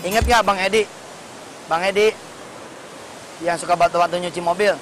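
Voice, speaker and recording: A man preaching a sermon, telling stories in a lively, colloquial way and putting rhetorical questions to the congregation. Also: high-pitched, normal speed, faint music behind, poor audio. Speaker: Islamic preacher.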